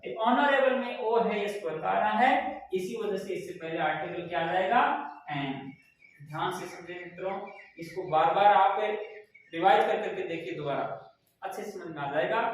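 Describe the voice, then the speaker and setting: Male teacher, higher-pitched, quizzing his class and answering his own questions; mic set back in a very echoey room. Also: far from the mic. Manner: repeats questions to students and answers them. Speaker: English teacher. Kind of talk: Hindi-language grammar lesson.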